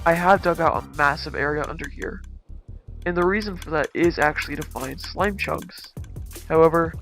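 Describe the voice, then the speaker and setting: A man speaking through a voice changer as he hosts a relaxed, easygoing tour of his game world. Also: fairly high pitch. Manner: laid-back, easygoing, talks while touring his builds. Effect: voice changer disguising his voice. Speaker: gaming channel host. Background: background music.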